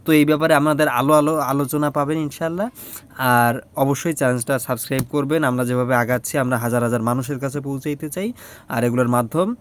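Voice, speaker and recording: A man's voice: mid-range voice, steady tone, fast. A man teaching the Arabic alphabet in a casual spoken lesson, patiently repeating each letter several times with many fillers.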